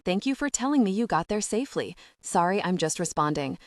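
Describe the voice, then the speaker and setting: A woman reading the lines of a quiet, reserved man in an audiobook, in an understated way. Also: on the low side, very animated, fairly quick, no room sound, studio quality.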